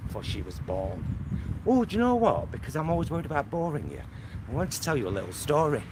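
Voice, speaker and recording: Fast and sing-song, with fairly high pitch, a middle-aged Greater Manchester vlogger from England talks to camera while walking along a suburban road filming himself. His chat is casual, rambling and slightly camp with campy endearments, and street and traffic noise is loud.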